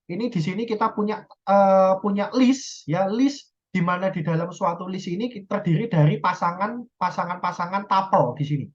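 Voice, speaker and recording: A woman's voice: mid-range voice, normal speed, hardly any pauses. Woman lecturing, dull lo-fi recording. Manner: explains step by step, often checks "ya" and self-corrects.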